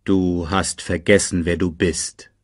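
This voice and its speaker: The ghost of a solemn male lion king, as a male narrator puts him on, speaking low, soft and slow. His husky voice sits close and dry. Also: level tone, no echo, full character voice.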